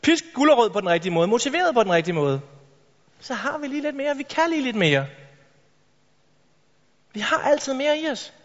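A man giving an energetic motivational talk on stage, addressing the audience directly with rhetorical questions. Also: very high-pitched, pauses often. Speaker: motivational speaker. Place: large hall with a stage. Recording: reverberant hall, dull lo-fi sound.

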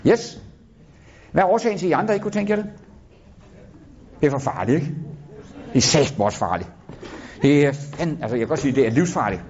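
Middle-aged male motivational speaker, fairly high voice, blunt and profane, works the audience with questions, dull lo-fi sound. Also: animated, long pauses, darkish tone. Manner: blunt, swearing, asks the crowd questions. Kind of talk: live motivational talk to an audience. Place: in front of a live audience. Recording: dull lo-fi recording.

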